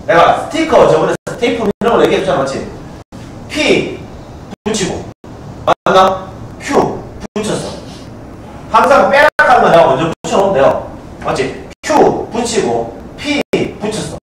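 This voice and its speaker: Male Gyeongsang math teacher, high lively voice, quizzing students, taped from far back in an echoing classroom. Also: unhurried, slight background noise. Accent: Gyeongsang Korean. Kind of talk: classroom lecture. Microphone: far camcorder. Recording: echoey classroom from a far camcorder.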